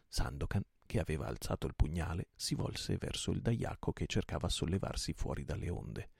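Deep gravelly man reading a novel aloud. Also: brisk, no room sound, studio quality. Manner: lively, dramatic narration. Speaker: audiobook reader. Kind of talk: night-time novel reading.

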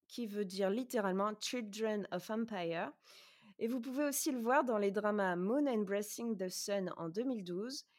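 A woman hosting a podcast, chatting casually with frequent hesitations and presenting prepared notes. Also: a little high. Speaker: podcast host.

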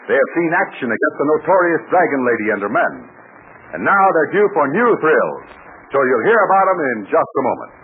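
A man's voice: on the high side, big pitch swings, a little fast. A man with an American accent in the eager, scripted manner of an old 1940s radio announcer, selling and narrating to children. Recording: tinny, hissy 1940s radio recording.

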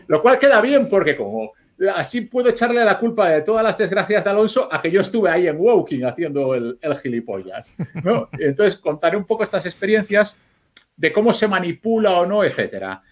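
A man, chatting as a podcast guest. His voice sits a little high for a man. He rambles through anecdotes, swears freely and restarts his sentences as he thinks aloud. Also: big pitch swings, normal speed. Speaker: film editor guest. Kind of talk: casual podcast chat.

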